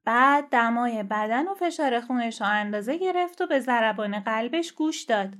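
High-voiced woman reading a children's story. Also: lively intonation, a bit bright.

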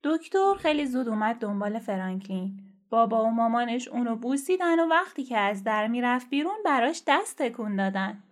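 High-voiced woman reading a children's story. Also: lively intonation.

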